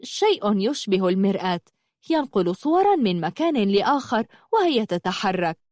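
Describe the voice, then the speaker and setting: A woman voicing an earnest, quick-tempered young woman in an audiobook, speaking in sharp, indignant bursts. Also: medium pitch, very animated, no room sound, clean studio sound, natural voice. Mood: calm. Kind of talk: audiobook character reading.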